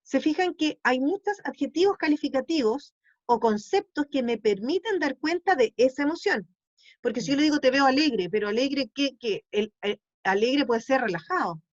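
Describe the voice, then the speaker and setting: A woman's voice: sits high, animated, moderate pace, no echo, muffled recording. A woman teaching a class, explaining patiently and checking in often with questions. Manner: explanatory, asks ¿sí? to check understanding.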